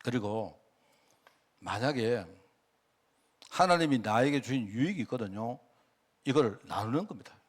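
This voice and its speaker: A man's voice: mid-range voice, expressive, a little slow, long pauses, slightly rough. A male pastor preaching a sermon in a conversational way, often asking the congregation questions and using dialect turns of phrase.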